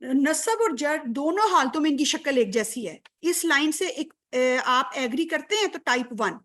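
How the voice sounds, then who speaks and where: A woman with a high voice teaches an online grammar class. She is patient and often checks that her students follow, praising their answers. She mixes English terms into her explanations. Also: animated, a bit bright.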